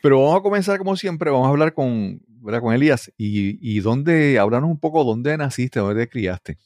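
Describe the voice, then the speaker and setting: A man's voice: medium pitch, expressive, normal speed, darkish tone, no room sound. A male podcast host with an ordinary mid-range voice. He asks long, winding questions, often restarting himself. The recording is close and dry. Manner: chatty, rambling questions with restarts and laughs. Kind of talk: conversational interview.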